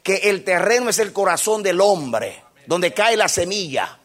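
A man preaching a sermon with passion, swinging between shouts and hushed low passages. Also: sing-song, measured pace.

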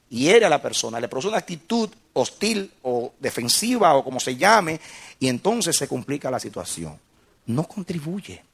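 Middle-aged man preaching, raspy tone, lively and emphatic, climbs high when stressing a point. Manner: impassioned, rising to emphatic peaks. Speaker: pastor. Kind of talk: sermon.

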